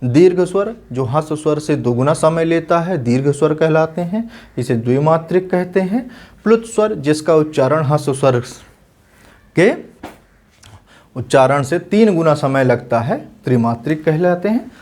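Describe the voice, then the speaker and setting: A male teacher giving an exam-prep lesson, explaining patiently and repeating definitions slowly so students can write them down. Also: a little high, lively intonation, darkish tone.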